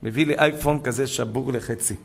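Over background music, a man with a mid-range voice and some vocal fry delivers a rabbi's Torah talk to a gathering. He preaches fervently, retelling conversations, and builds up to loud exclamations.

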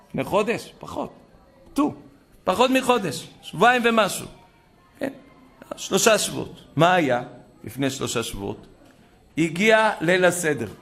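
Gravelly animated preacher man. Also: fairly high pitch. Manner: animated, swings between loud exclamations and hushed asides. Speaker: rabbi preacher. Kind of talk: storytelling sermon.

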